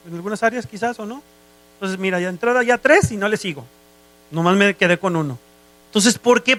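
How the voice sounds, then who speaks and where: A man's voice: high voice, pushed and bright. A man with a Mexican accent preaching a sermon as a guest, who often checks whether listeners follow him.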